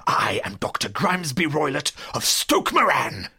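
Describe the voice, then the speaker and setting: A man playing a huge, furious old doctor in an audio drama, bellowing threats in a rasping snarl. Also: on the high side, big pitch swings, moderate pace, pushed and bright, exaggerated voice. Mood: menacing.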